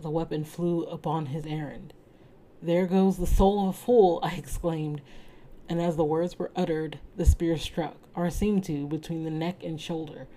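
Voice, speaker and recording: A woman reading a story aloud in a casual way, steady and measured, now and then breaking off to comment. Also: sits low, slight background noise, poor audio. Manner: reads steadily, breaks off to laugh and make asides. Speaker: reader.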